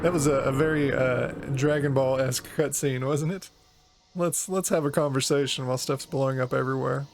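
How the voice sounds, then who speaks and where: A man's voice: mid-range voice, fairly even intonation, fairly quick. A man giving casual, slangy playthrough commentary as a gaming host, with wry joking reactions. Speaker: gaming video host playing through a game. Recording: commentary over loud game audio. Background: game music and effects.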